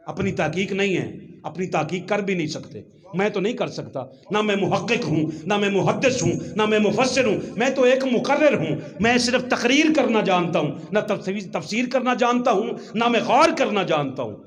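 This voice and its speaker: A man preaching a Friday sermon in a mosque. He acts out the voices he quotes and rises to shouts at times. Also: sits high, expressive.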